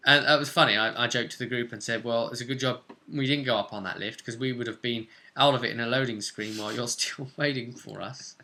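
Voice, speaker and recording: Bright-voiced British man recapping a game. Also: mid-range voice, a little fast, hardly any pauses. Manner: rambling, animated storytelling with fillers. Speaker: podcast host recapping a tabletop game session. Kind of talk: casual recap chat.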